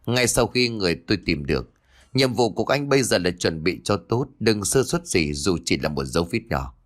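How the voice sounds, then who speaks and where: A man reading a story aloud and voicing a ruthless rich boss who speaks slowly in a commanding, threatening way. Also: sits low, sing-song. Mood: menacing. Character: ruthless rich older hospital boss, menacing.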